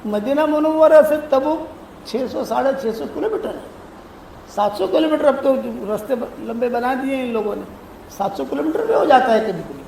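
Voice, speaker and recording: A male preacher with a strikingly high voice gives a storytelling sermon, acting out the voices in his stories. He keeps turning to the crowd and asking them for promises. The sound rings around a big hall, with a faint hiss underneath. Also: expressive, creaky, a little mellow. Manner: storytelling, acts out dialogues. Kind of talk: Islamic sermon. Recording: echoey hall, faint noise.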